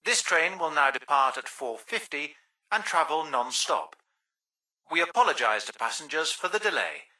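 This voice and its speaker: A man's voice: on the high side, sing-song, pushed and bright, far from the mic, full character voice, poor audio. A man playing a railway station announcer, reading a formal train station announcement about platforms and delays. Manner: formal, measured public announcement delivery.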